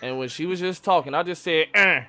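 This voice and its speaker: Animated, profane Chicago man. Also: fairly high pitch, fast talker. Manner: loose, profane, animated storytelling. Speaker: streamer host. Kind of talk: casual chat. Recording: live stream chat.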